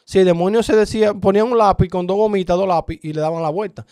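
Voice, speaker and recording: Dominican man, guest testimony, earnest storyteller, high voice, dry close sound. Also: steady tone, fast talker, darkish tone, no echo. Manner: earnest storyteller, acts out dialogue. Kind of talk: personal testimony in conversation.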